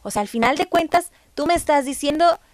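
A woman's voice: high voice, a little fast, no room sound. A woman host, interviewing attentively and affirming often. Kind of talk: conversational interview.

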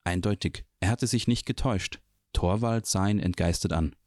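A man reading a fantasy novel chapter aloud in a calm, even storytelling manner. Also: deep voice, normal speed, dry recording, studio quality. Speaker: audiobook reader. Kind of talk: scripted narration of a fantasy novel.

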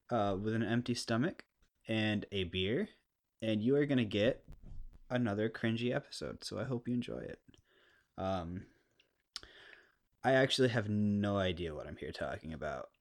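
A man with a harsh stoner skater voice, rambling casually and unscripted through a solo podcast with crude, self-deprecating humor, clearly recorded on a podcast mic. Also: medium pitch. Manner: laid-back, rambling and unscripted. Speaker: podcast host. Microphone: podcast microphone, clean close sound.

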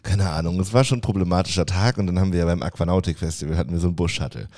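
A man co-hosting a casual podcast from an office, venting his frustration in quick, rambling bursts with frequent restarts. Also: low-pitched, darkish tone. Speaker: podcast co-host.

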